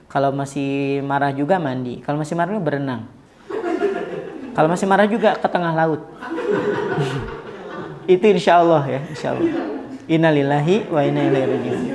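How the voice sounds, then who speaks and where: A man giving a casual Islamic study talk to a live audience, lively and joking, acting out little dialogues and asking the audience questions. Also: on the high side. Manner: lively, acts out quoted dialogue, jokes with audience. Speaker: Islamic preacher.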